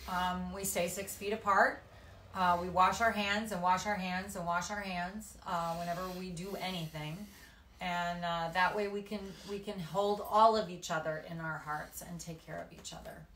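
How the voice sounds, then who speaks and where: A woman reading a children's story aloud with expressive, dramatic delivery. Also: on the low side, normal speed, far from the mic, slight background noise. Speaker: guest storyteller. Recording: echoey room.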